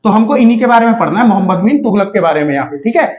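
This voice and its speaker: A man with a high voice teaches a casual history lesson for exam students. He keeps asking rhetorical questions and answering them himself, checking in often with his listeners. The recording sounds dull and lo-fi. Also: expressive, racing.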